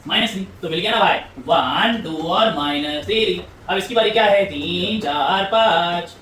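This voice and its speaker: A man teaching maths in a classroom, talking briskly, repeating himself and coaxing students along, heard from a distant mic. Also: high voice, a bit bright. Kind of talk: classroom lecture. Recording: echoey room, voice from afar, faint hum.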